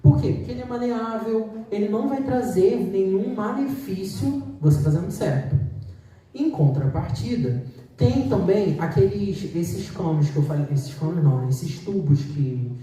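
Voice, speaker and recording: A woman's voice: medium pitch, expressive, normal speed, dark tone. A woman speech therapist giving a choir an informal, practical talk on voice exercises, explaining in a conversational way. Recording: echoey room, voice from a distance.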